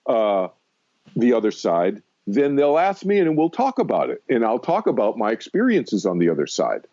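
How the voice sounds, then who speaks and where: On a conversational radio show, a Massachusetts-born meditation teacher in his sixties shares personal stories as the interview guest. He has a mellow, dark, mid-range American voice, is emphatic, and keeps returning to his points, with slightly dull, lo-fi sound.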